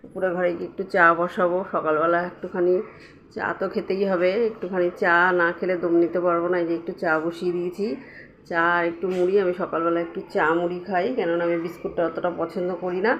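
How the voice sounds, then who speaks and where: A woman's voice: on the low side, lo-fi sound. A middle-aged woman vlogger chatting through her morning routine, constantly urging viewers to look. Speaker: lifestyle vlogger. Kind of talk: casual vlog narration of her morning.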